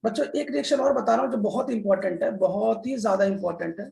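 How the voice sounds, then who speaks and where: High, gravelly-voiced male chemistry teacher. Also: quick pace, warm tone. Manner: repeats key terms, keeps addressing the children. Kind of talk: classroom lecture. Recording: echoey room.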